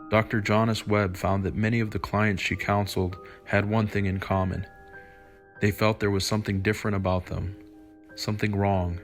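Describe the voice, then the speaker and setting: A man narrating scripted dating advice in a slick, confident, measured manner, as the host. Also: deep voice.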